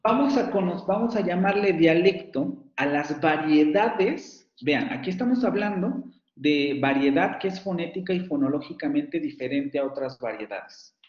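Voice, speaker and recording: A man's voice: fairly high pitch, animated, moderate pace, few pauses. Male university lecturer, patient explainer on a video call; roomy, muffled sound. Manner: explanatory, often checks students follow. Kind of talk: online lecture. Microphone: computer mic on video call. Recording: echoey, dull lo-fi call audio.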